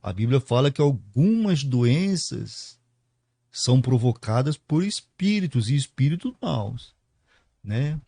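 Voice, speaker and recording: A man's voice: medium pitch, very animated, slow, gravelly, mellow, husky, no echo. A male pastor preaching a sermon, explaining a Bible passage verse by verse and tagging his points with "né?" and rhetorical questions.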